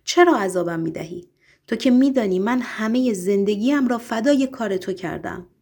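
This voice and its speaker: A woman's voice: medium pitch, expressive, creaky, a little mellow, breathy edge. A woman voicing a devoted woman in an audiobook, pleading tenderly on her partner's behalf.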